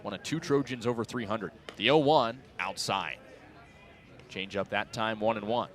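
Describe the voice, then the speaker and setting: Doing live radio play-by-play for baseball, a young adult man speaks in a lowish voice at a moderate pace. His descriptions come in brief, clipped bursts, and his excitement climbs as the action unfolds.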